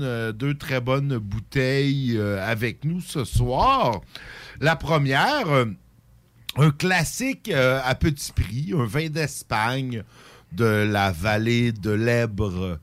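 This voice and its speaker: A man's voice: mid-range voice, animated, slow, no echo. A man with a Québécois accent, a regular wine columnist on a casual radio chat show, talking with frequent fillers and restarts. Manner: hesitant, many fillers and restarts.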